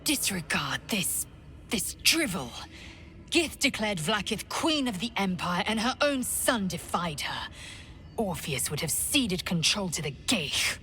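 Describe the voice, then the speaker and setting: A woman's voice: mid-range voice, very animated, a little slow, pushed and bright, faint music behind. An actress playing a proud, severe alien warrior woman in a video game, speaking with indignant, betrayed anguish. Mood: anguished denial. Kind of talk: dramatic video game acting.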